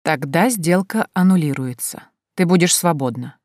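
A woman voicing a cold, menacing otherworldly man in an audiobook, speaking slowly and sinking to a hushed, drawn-out tone. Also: low voice, lively intonation, dry recording, studio quality. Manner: slow, drawn-out, dropping to a hush.

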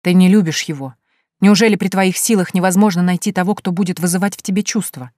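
A woman's voice: lowish voice, fairly even intonation, fast, darkish tone, no echo, clean studio sound, lightly acted. A woman voicing a disapproving gray-haired older mother in an audiobook, scolding in a raised, reproachful way.

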